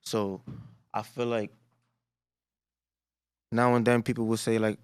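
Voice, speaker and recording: A man, a rapper talking casually and quietly in an interview, often trailing off. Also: little pitch movement, slow, clean tone, no echo, clean studio sound. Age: 20s. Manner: laid-back, low-key, trails off with "that's really it". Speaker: rapper guest.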